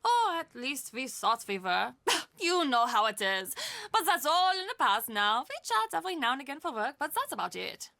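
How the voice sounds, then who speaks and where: An actress voicing a warm, chatty middle-aged castle employee and aunt in a video game, expressive and confiding. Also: female voice, sits high, normal speed, gravelly, dry recording, heavily acted. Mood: candid.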